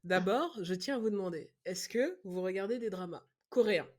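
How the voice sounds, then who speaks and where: A woman's voice: mid-range voice, animated, a little fast, darkish tone. A woman co-hosting a podcast, chatting casually with friends and laughing often as she explains her pick. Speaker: podcast co-host presenting a film pick. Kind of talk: casual chat among friends. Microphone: online call setup.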